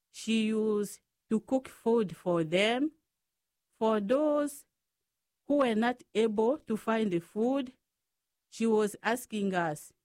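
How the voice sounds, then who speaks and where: Slow-speaking Congolese-born woman. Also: fairly high pitch, dry recording, studio quality. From Democratic Republic of the Congo. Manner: slow, careful storytelling. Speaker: guest, Franciscan sister. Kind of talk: radio interview.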